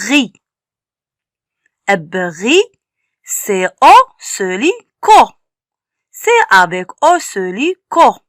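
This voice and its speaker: A woman's voice: mid-range voice, a bit bright, dry recording, studio quality. A woman teaching young children to read, sounding out letters and syllables one by one and stressing each sound. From Morocco. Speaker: primary school teacher. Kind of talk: slow phonics lesson for young children.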